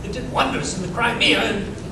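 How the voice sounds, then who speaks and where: A man's voice: very high voice, fairly quick. A man playing a genial, curious doctor and storyteller in old-time radio style, hesitant and blustering, often repeating himself. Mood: curious, eager. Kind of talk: 1930s radio drama acting. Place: museum live performance space. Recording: echoey room, distant mic, clear background noise.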